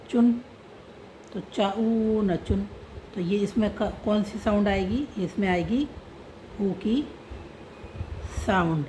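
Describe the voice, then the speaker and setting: Female teacher, slow and patient, mellow voice, faint noise behind. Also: medium pitch, poor audio. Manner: spells out letters patiently. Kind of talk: slow script lesson.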